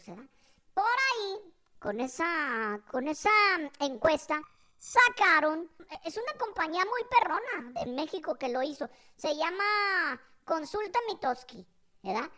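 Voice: very high-pitched, pushed and bright. A podcast host with a Mexican accent telling a comic story in a chatty way, often asking ¿verdad?.

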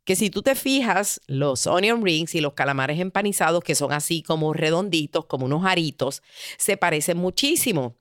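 Lively woman telling a story. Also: low-pitched, moderate pace, dry recording, clean studio sound. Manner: animated, acts out quoted voices. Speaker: relationship advice speaker. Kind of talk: storytelling advice talk.

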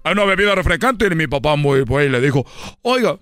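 A man's voice: fairly high pitch, expressive, fast, a bit bright, clean tone. A man telling a comedy story in a rambling way, repeating himself and slipping into voices.

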